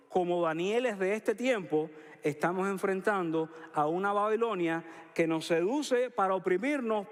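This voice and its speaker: A man from Cuba with a Cuban Spanish accent, preaching a sermon, emphatic and storytelling, slowing down on key words. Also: sits high, big-room sound.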